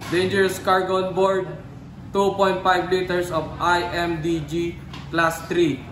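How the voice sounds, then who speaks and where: Higher-pitched man making formal marine radio calls. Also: little pitch movement, a bit bright. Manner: measured, spelling out call sign and digits word by word. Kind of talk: marine radio procedure call, formal scripted phrases. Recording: echoey room with background noise.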